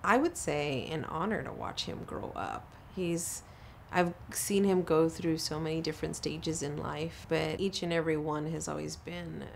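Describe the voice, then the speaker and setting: A middle-aged mother speaking softly and reflectively in a documentary interview. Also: deep voice, fairly even intonation, normal speed, creaky, slight background noise.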